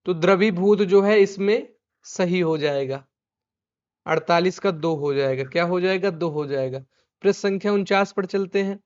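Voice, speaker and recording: A man with a high, darkish voice speaks at an ordinary pace, working through an exam answer key as a Hindi teacher. He quizzes himself and repeats his own questions and answers back like a drill. The recording is dull and lo-fi.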